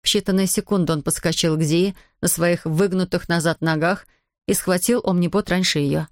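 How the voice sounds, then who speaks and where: A woman narrating an audiobook in an even, measured storytelling manner. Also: lowish voice, no room sound, clean studio sound.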